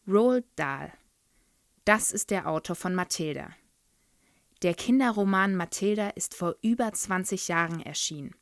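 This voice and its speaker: A woman's voice: fairly low pitch, unhurried, dry recording. Dry close female book presenter. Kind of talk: book presentation with read-aloud excerpt.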